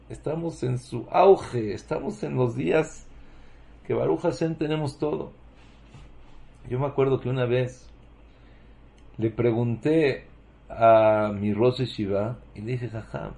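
A man's voice: mid-range voice, gravelly, dark tone. A man giving a Torah lecture in Spanish, posing rhetorical questions and leaning hard on emotional emphasis. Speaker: Torah teacher.

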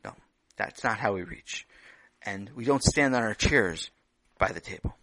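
A man's voice: fairly low pitch, lively intonation, measured pace, creaky, a bit bright, pitched below the performer's own voice, full character voice. A man voicing a patient father who explains table manners to his son. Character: patient, lecturing father of a young boy.

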